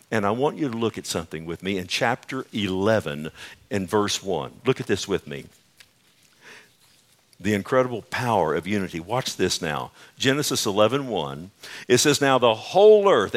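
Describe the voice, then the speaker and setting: A pastor preaching a sermon at a pulpit microphone in a church, emphatic, putting questions to the congregation. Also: male voice, fairly low pitch.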